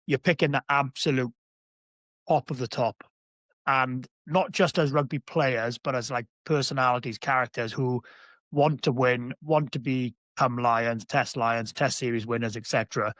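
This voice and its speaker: A man's voice: mid-range voice, steady tone, a bit bright, dry recording. A man co-hosting a podcast, talking thoughtfully and hesitantly in casual chat. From Wales. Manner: thoughtful, hesitant, slows to explain. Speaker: co-host, former rugby player.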